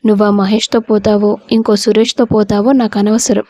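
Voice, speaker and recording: A woman's voice: medium pitch, little pitch movement, fairly quick, warm tone, close to an everyday voice. A woman voicing a bitter, resentful young husband who snaps scornfully. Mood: angry. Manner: scornful, snapping.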